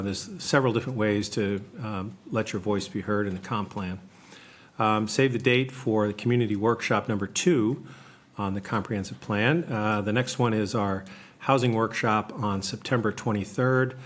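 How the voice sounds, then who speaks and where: A man chairing a town council meeting, reading procedure and announcements in a flat, hesitant way. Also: lowish voice. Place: indoor council meeting room. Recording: meeting room with clear background noise.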